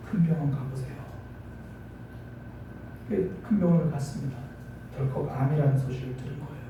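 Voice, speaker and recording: A man's voice: high voice, warm tone, slight background noise. A male pastor preaching a sermon, telling stories earnestly in a church sanctuary. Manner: storytelling, earnest. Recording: echoey church hall from far off.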